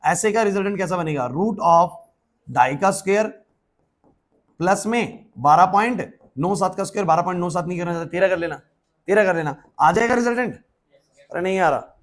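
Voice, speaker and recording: A man's voice: high voice, moderate pace. A male physics teacher lecturing a class, quizzing students by name and repeating his questions. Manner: repetitive questions, urging focus.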